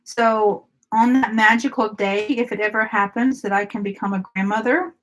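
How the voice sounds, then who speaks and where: A woman's voice: a little high, steady tone, normal speed, rough recording. A woman, chatting casually with viewers during a craft live stream and often laughing. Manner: chatty, giggly, talks to viewers by name.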